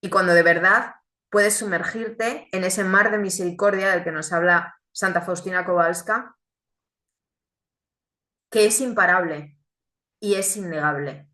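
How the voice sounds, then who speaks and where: A woman gives a faith testimony in an earnest, reflective way and often poses rhetorical questions. Her voice is bright and forceful. The room around her sounds echoey. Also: lowish voice, unhurried. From Chile, raised in Spain. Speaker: speaker giving a faith testimony. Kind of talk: testimony talk.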